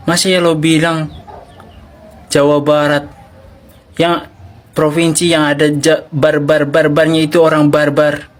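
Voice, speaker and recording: A man ranting furiously and threateningly. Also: on the high side. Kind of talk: angry video rant.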